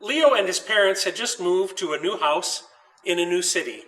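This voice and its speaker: In an old dairy barn, a male author reads his own children's storybook aloud in a higher-pitched, crisp, bright and expressive voice. His storytelling is measured and deliberate, with pauses. He is recorded far from the mic, and the sound is rough.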